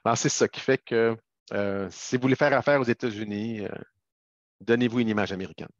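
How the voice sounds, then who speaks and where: A low-pitched man with a Québécois French accent gives a casual, chatty explanation in a webinar. He keeps turning to the audience with quick asides and tag words. The dull, lo-fi sound is dry and close, as over a video-call microphone. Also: no room sound. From Quebec. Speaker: webinar presenter, business lawyer.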